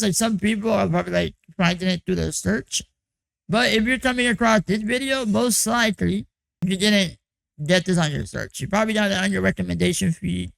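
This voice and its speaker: Checking in casually on his music production boot camp, a young man rambles in a hoarse, raspy, croaky voice, filling his talk with "like" and "you know." His voice is high and a bit bright, and the recording quality is low.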